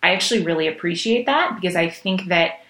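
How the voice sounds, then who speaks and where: A woman hosting a podcast, asking questions in a thoughtful, halting way with many fillers. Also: fairly low pitch, animated, fairly bright tone. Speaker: podcast host. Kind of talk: casual interview chat. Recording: roomy, echoey sound.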